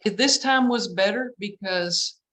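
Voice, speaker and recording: A woman's voice: mid-range voice, fairly bright tone, rough recording. West Texan woman on a video call. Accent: West Texas. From West Texas. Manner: self-deprecating, halting with restarts. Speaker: guest painter. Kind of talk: casual interview chat.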